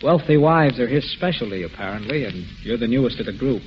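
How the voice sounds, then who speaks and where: A man's voice: mid-range voice, lively intonation, a little fast, slight background noise, lightly acted. A man playing a grave, reproachful narrator. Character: earnest man narrating to a woman, Bill. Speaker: narrator and friend Bill. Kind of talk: 1940s radio drama acting. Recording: dull old radio recording with music.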